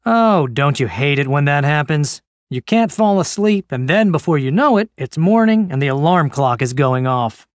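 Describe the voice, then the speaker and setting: A woman's voice: deep voice, animated, moderate pace, few pauses, no room sound. A woman reading a scripted dialogue for language learners, asking questions as a sympathetic listener.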